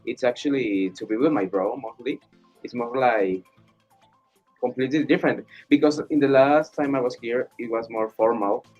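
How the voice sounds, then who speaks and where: A man's voice: medium pitch, normal speed, darkish tone, dull audio, soft background music. A young man chatting openly as a guest on a school radio show, laughing between phrases. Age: young adult. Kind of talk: casual chat.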